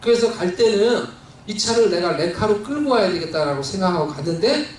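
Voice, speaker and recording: A man's voice: sits high, expressive, brisk, a little hiss or hum. A male pastor preaching a sermon, telling a personal story in a heartfelt, conversational way with many fillers. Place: church sanctuary. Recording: very echoey church hall, mic at a distance.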